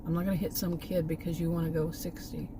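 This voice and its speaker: A fast-talking middle-aged woman from Texas vlogs near a park in rambling chit-chat, repeatedly trailing off and coming back around. Her lowish voice shows little pitch movement, and background noise is present.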